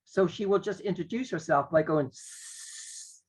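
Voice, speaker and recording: A man's voice: high voice, a little fast, slightly rough, low-quality recording. A man who teaches drama, explaining a classroom exercise in a conversational, playful way and often acting out what the teacher says. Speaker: drama educator.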